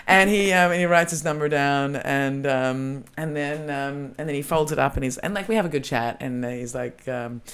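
Australian woman, low pitch, casual podcast chat, animated storytelling, acts out quotes. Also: moderate pace, hardly any pauses, clear, resonant tone. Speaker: comedian guest.

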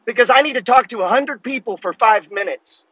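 A man's voice: very high voice, a little fast, fairly bright tone, breathy edge, no room sound, poor audio. Blunt, cursing man in his fifties. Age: 50s. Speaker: podcast host. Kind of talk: profane motivational monologue.

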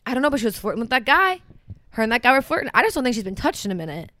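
A young woman co-hosting a podcast, telling a story in a brash, profane, animated way. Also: fairly high pitch, very fast. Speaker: podcast co-host. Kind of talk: casual chat.

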